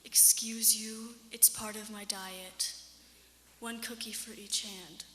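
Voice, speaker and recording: A woman's voice: medium pitch, steady tone, slow, sharp tone, a little hiss or hum. A woman voicing a confident, dismissive frog pirate in a tall tale told in an echoey hall. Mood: stubborn, huffy. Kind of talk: tall tale character acting.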